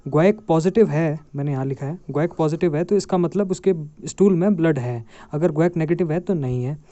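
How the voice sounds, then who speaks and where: A man's voice: a little high, dark tone, dry recording. Man teaching a medical lesson. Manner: asks questions then answers them, addresses viewers as guys. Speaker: medical lecturer.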